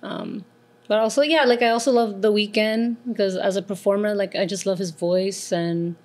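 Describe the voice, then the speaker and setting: A woman's voice: medium pitch, steady tone, moderate pace, a little mellow. A young woman, a performer, answering as a guest in a casual interview, with many hesitant fillers.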